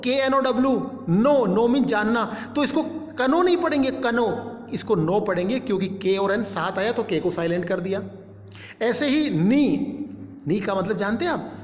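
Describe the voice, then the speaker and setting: A man's voice: sits high, animated, moderate pace, dull audio. A male teacher giving a step-by-step lesson, spelling out letters and repeating each word. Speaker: English teacher. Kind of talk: classroom-style lesson. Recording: echoey room with long reverb.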